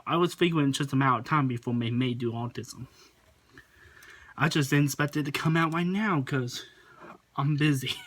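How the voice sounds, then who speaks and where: This is a man hosting a casual reaction video. His voice is bright and forward. He rambles a little and sometimes stops mid-thought to find the right words. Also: medium pitch. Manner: rambling, chatty, searches for words.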